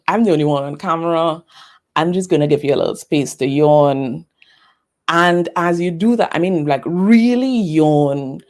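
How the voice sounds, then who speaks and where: A woman giving a presentation over a video call, taking her time with a slow, unhurried delivery. Her voice sits low and sounds mellow and dark. She talks in a chatty way, slips in playful asides and uses plenty of fillers. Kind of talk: online presentation on breathing.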